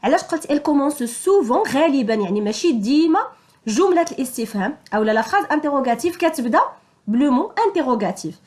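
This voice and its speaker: A woman with a Moroccan accent teaching French grammar, switching between French and Darija and slowing down for the example sentences. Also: high-pitched, lively intonation, darkish tone. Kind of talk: bilingual grammar lesson.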